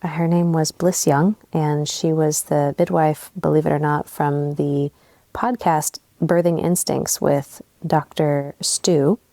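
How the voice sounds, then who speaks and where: A low-pitched woman in her thirties, originally from Southern California, chats casually on her own podcast with a gravelly edge. She sounds soft-spoken, reflective and a little sleep deprived. She is recorded close and dry through old earbud headphones on her bed. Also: level tone, takes it slowly, no echo. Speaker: podcast host and relationship coach. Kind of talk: unscripted solo podcast chat. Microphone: old wired earbud headphones mic.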